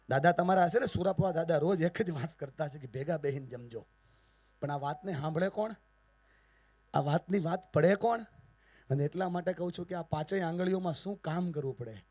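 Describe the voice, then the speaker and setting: A man with a Gujarati accent from Surat, giving a motivational speech to a family gathering, theatrical, calling out to the audience for replies and swinging from hushed to loud. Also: high voice, dry recording. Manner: theatrical, call-and-response with the audience, big swings in loudness. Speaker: motivational speaker. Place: large hall with a live audience.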